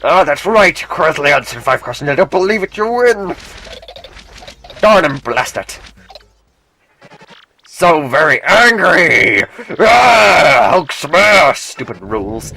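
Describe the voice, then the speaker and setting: A man's voice: mid-range voice, moderate pace, bright, forceful tone. A man voicing a boastful, pirate-like stone quiz master while reading game dialogue aloud. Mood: furious. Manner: gloating, theatrical.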